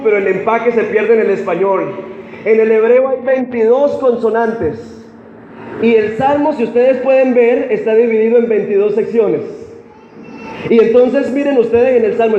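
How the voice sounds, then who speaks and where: High-voiced preacher in an echoey church. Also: male voice, slight background noise. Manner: animated preaching with audience call-and-response. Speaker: pastor. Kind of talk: sermon. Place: church sanctuary. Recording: echoey church hall, dull sound.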